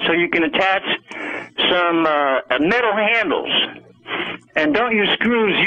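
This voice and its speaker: A man calling in to a radio show over the phone line, rambling on at length and pressing on over the host's interruptions. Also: on the high side. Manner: long-winded, insistent, talks over the host. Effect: phone line call-in audio. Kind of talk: rambling call-in monologue. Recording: muffled phone-line audio.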